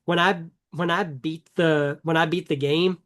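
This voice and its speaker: A man's voice: on the high side, fairly even intonation, measured pace, fairly bright tone. A man co-hosting a casual gaming podcast, talking in an enthusiastic, rambling way with many fillers and restarts. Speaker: podcast co-host.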